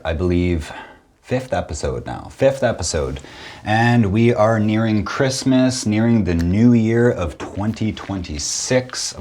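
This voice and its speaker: A young man hosting a podcast interview, talking slowly and haltingly, with many restarts. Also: low voice, darkish tone. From Quebec. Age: young adult. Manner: slow, hesitant, many restarts. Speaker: podcast host. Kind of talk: casual interview.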